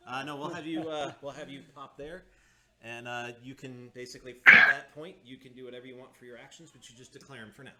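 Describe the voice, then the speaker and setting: A man running a tabletop role-playing session as game master, relaxed and laughing often, with many fillers. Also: medium pitch, quick pace, roomy sound.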